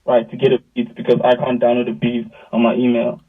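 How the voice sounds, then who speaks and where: Brisk and slightly rough, the mid-range voice of a young South African man carries over a thin, distant, phone-like video call. An interview guest and music artist, he tells stories casually in slang, acting out lines of dialogue with energy.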